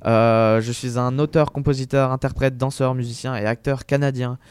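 A man's voice: medium pitch, flat delivery, normal speed, a little mellow, smooth, dry recording. A man hosting a casual radio quiz show, reading clues in the first person and laughing often.

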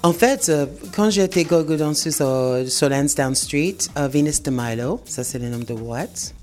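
A woman's voice: low-pitched, measured pace, darkish tone, soft background music. A woman from Boston with an American accent, a native English speaker talking as a radio guest and mixing English words into her French. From Boston, United States. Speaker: guest performer. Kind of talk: radio interview. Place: small radio studio.

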